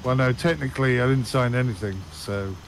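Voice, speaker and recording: A man hosting a casual gaming session, chatty and quick to laugh while playing with a friend. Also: mid-range voice, slight background noise. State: slight frog in throat. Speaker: gaming channel host.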